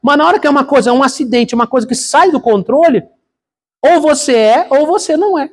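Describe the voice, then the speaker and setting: A middle-aged Brazilian pastor preaches a conversational sermon built around a personal story, addressing the congregation as brothers. His Brazilian Portuguese-accented voice is extremely high and brisk, and he sounds congested from a cold.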